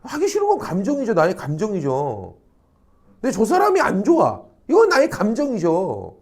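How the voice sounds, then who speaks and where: A middle-aged man gives a high school social studies lecture in a classroom. His voice sits fairly high for a man and swings wildly up and down as he acts out quoted people. He keeps checking in with the class through rhetorical questions and drops salty slang. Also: wildly swooping pitch, normal speed, darkish tone, breathy edge. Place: academy classroom.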